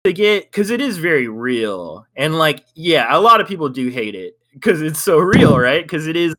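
Rambling young man, bright voice. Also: on the high side, very animated, moderate pace. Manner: rambling, hedging with lots of "like", laughs often. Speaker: podcast co-host. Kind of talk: casual film review chat.

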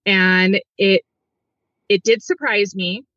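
A woman's voice: medium pitch, fairly even intonation, slow pace, pushed and bright, no echo, dull audio. Earnest woman telling a hard story. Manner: earnest, hesitant, many restarts and fillers. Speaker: guest. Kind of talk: personal story in an interview.

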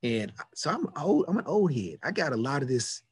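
A man's voice: medium pitch, very animated, brisk, husky, no echo, clean studio sound. A man in his fifties hosting a reflective conversation, earnest and repeating key words for emphasis. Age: 50s. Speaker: podcast host.

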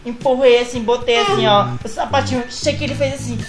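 A woman's voice: on the high side, steady tone, quick pace. A woman with a Brazilian Portuguese accent telling a story in casual chat among friends, laughing often and acting out quotes. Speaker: podcast storyteller. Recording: echoey room with loud music behind.

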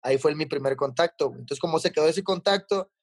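A man's voice: on the high side, fast, husky, no room sound, studio quality. A man with a Mexican accent, a rapper talking casually as a guest and telling stories in sweary street slang. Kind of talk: casual chat, storytelling.

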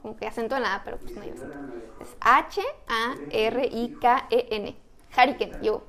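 A podcast co-host with a Mexican Spanish accent tells stories in a chatty, slangy, casual way. Her voice is on the high side and fairly bright, at a moderate pace.

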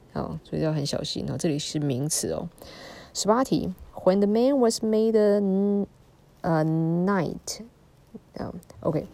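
Lady teacher, gravelly low voice, keeps tacking on little particles while explaining words. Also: a little mellow, no room sound. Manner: chatty, frequent tag particles, spells words letter by letter. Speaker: English teacher. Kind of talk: explaining vocabulary test answers.

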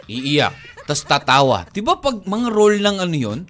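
A man co-hosting a radio show, bantering playfully, quick to deny and laugh things off. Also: a little high, soft background music. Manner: teasing, animated, quick denials and laughter. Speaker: radio DJ co-host.

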